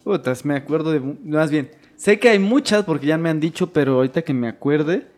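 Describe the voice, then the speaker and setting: A man's voice: on the high side, animated, fairly quick, darkish tone. A man co-hosting a podcast in casual comedic chat, stammering through restarts and using slang. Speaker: podcast co-host.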